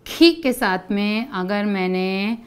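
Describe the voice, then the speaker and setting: A woman's voice: mid-range voice, slow, smooth. A woman teaching a lesson to young children, explaining patiently step by step, drawing out sounds and asking the kids to repeat after her. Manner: stretches syllables and asks kids to repeat.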